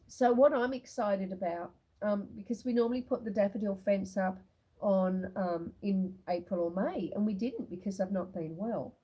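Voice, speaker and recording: Mid-range, mellow and a little breathy, this woman talks at a normal speed on a rough recording. She hosts a homestead live stream outdoors, chatting casually with viewers by name from a phone on a tripod, still a bit snuffly and coughing after a long illness.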